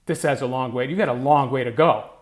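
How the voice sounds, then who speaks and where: A man's voice: mid-range voice, fast, close to an everyday voice. A blunt, scolding trainer, as a man puts him on. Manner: blunt, scolding, ego-checking. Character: stern, critical male fitness trainer.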